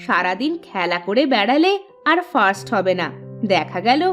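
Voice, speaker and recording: A woman voicing a sharp-tongued village mother in a cartoon, scolding and sarcastic. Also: medium pitch, lively intonation, moderate pace, faint music behind, natural voice. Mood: nagging. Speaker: cartoon voice actress. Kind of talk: cartoon voice acting.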